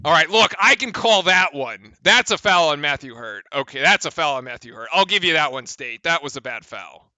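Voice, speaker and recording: A man with a bright, ringing, fairly high voice calls the game play-by-play for a fan livestream. He talks fast and turns to chat between plays, raising his voice on big plays. The sound is clean and close, with no room echo. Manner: excitable, shouts on big plays, chatty with chat. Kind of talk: live fan commentary.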